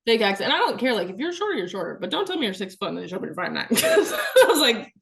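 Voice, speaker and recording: A young adult woman, a podcast guest, telling stories in casual chat, animated and laughing often as she acts out quotes. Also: mid-range voice, rapid-fire, vocal fry.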